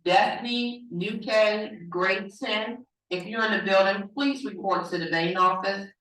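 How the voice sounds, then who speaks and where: A woman making a formal school office announcement over the intercom, slowly repeating her call. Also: medium pitch. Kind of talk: public address announcement. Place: school classroom, heard over the speaker. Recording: echoey distant PA loudspeaker.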